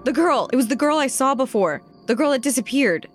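A terrified mother , as a woman reads her part, cries out in a high, strained voice. She is urgent and shrill, and her pitch climbs well above the narrator's usual tone. Soft music plays underneath. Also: big pitch swings, moderate pace. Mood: alarmed. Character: frightened, outraged mother of a young girl.

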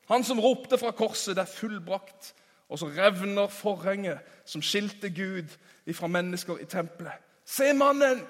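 A man delivers a sermon with a fairly high voice. His delivery is emphatic, swinging between ringing calls and hushed asides. The sound carries a long reverb from a large church hall. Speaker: preacher.

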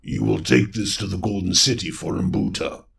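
A man voicing a huge, bloated toad-like creature that croaks its words slowly and menacingly. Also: sits low, fairly even intonation, exaggerated voice. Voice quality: slow croaking, belching, far-off.

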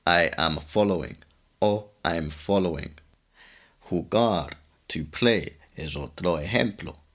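Slow, deep-voiced man teaching English grammar. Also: fairly bright tone. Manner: slow, methodical, spells out letters one by one. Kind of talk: scripted grammar lesson.

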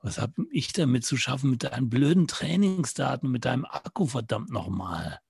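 A man's voice: mid-range voice, expressive, normal speed, gravelly, darkish tone, husky, no room sound, clean studio sound, full character voice. A man doing a grumpy, freshly woken marker pen. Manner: grumbling, irritable.

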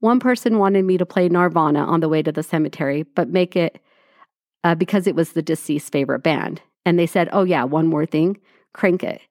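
A woman's voice: deep voice, a little fast, a little mellow, no room sound. A woman co-hosting a podcast, reading a blog aloud to her co-hosts in a dry, wry way, sometimes correcting herself. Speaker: podcast co-host.

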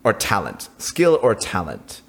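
A man hosting a podcast, asking questions in a relaxed way and often repeating his words as he starts. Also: lowish voice, a little slow. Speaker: podcast host. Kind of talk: casual interview questions.

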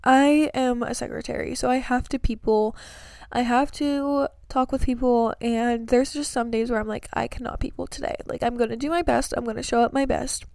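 A woman's voice: on the high side, fairly even intonation, moderate pace, creaky, darkish tone, no room sound, studio quality. Chatty young woman, sleepy and earnest. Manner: chatty, earnest, many "like" fillers. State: sleepy, yawning. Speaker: vlogger giving breakup advice. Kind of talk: casual chat to camera.

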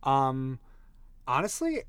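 A man in casual conversation, describing a wine and telling a holiday story with easygoing, joking asides. His voice sits at an ordinary middle pitch. The sound is dry and close, with no room echo. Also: slow, smooth. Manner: relaxed, jokey, rambling with fillers. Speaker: podcast co-host tasting wine. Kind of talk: casual chat.

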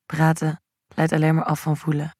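A man playing a calm, stoic male chef in an erotic audio story, speaking tersely in a low, husky murmur. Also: normal speed, dry recording, clean studio sound. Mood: seductive.

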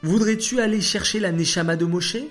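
Man doing a calm, kind divine voice. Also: high-pitched, faint music behind, pitched above the performer's own voice, natural voice. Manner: measured, gentle. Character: calm, kind divine voice addressing angels and a prophet.

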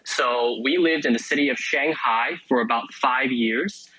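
Young male student guest, bright tone with some rasp, dry close mic, eager rambling answers. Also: mid-range voice, measured pace, dry recording, low-quality recording. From Malaysia. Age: young adult. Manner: eager, chatty, many fillers and restarts. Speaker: interview guest, university student. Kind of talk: casual radio interview.

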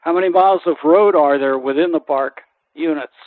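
On a dry, narrow, phone-like recording, a radio host speaks a little fast in a voice on the high side. He keeps the interview conversational, asking curious questions and frequently offering short acknowledgements.

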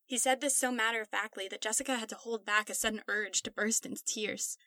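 A woman reads a scripted story in a steady, measured way. Her voice is bright and sits fairly high, and she stays close to the microphone. The sound is dry, with no room around it. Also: no echo. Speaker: narrator.

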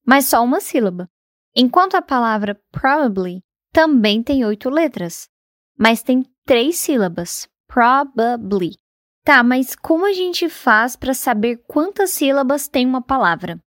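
A woman hosting a podcast lesson, explaining clearly and patiently, slowing down to model English words. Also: fairly high pitch, no echo, studio quality. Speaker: podcast host and English teacher.

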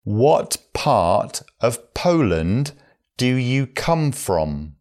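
A man reading phrases for learners, each one slowly and then again at normal speed. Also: medium pitch, big pitch swings, a little mellow. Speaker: phrase teacher.

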